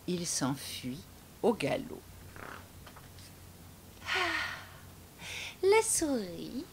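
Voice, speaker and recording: A woman storyteller reading a children's picture book aloud, expressive and often dropping to a soft whisper for suspense. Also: fairly high pitch, a little hiss or hum.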